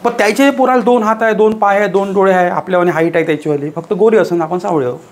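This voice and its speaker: Emphatic high-voiced man lecturing. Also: fast talker. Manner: rhetorical questions, emphatic repetition. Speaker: teacher giving a motivational talk. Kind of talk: motivational lecture to a live audience.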